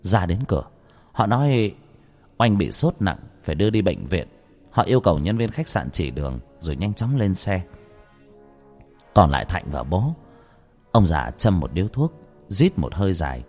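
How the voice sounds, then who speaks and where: A man narrating a ghost story with expressive, dramatic delivery. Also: low voice, slightly rough. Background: soft background music.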